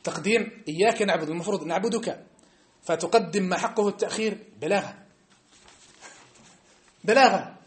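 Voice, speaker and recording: A man's voice: high-pitched, fast. A man with a North African Arabic accent teaching a religious class. He is emphatic and keeps asking his listeners whether they have understood. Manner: emphatic, keeps checking understanding with rhetorical questions. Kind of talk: classroom lesson. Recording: echoey room.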